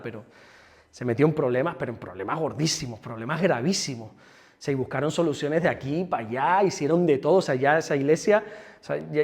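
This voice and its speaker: A man who is a pastor preaching a sermon at a church service, telling stories and acting out the people in them. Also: a little high. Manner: animated storytelling preacher, acts out quoted speech.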